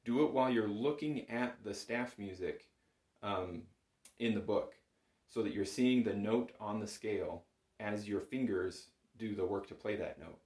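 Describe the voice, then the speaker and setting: Speaking a little slowly, a man with a fairly low, darkish voice teaches bagpipes in a conversational, patient, encouraging way, breaking things down step by step. The setting is a small home music room, recorded with roomy indoor echo.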